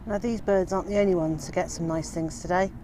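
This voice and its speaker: A woman's voice: lowish voice, steady tone, fast, slight background noise. Chatty woman in her fifties outdoors. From Wales. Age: 50s. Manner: chatty, gently amused, talks to her chickens. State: out of breath. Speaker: homesteading vlogger. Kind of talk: casual vlog narration. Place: outdoors on a homestead by chicken pens.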